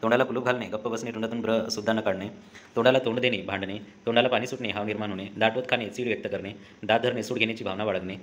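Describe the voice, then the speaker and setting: A man teaching a language lesson, reading a list of idioms and their meanings briskly, with short "uh" fillers. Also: on the low side, fairly even intonation, fairly bright tone.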